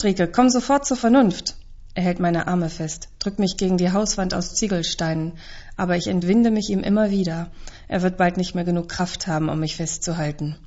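A woman with a fairly low voice reads a literary novel in the first person. Her delivery is measured, subdued and introspective. The recording sounds a little dull and lo-fi. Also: darkish tone. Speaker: audiobook narrator.

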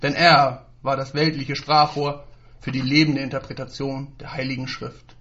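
A man narrating a story in measured storytelling style. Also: mid-range voice, flat delivery, fairly bright tone. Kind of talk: scripted narration. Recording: dull lo-fi recording.

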